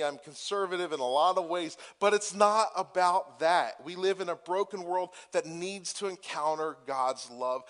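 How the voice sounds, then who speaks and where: A man's voice: fairly high pitch, a bit bright. A man preaching a sermon as pastor, moving from conversational asides with restarts to impassioned, emphatic peaks.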